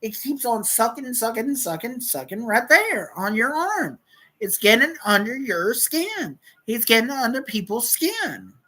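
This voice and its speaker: Woman livestream host, rambling and profane, bright lively delivery with a slightly high voice. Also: moderate pace, slightly rough, poor audio. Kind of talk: casual livestream storytelling.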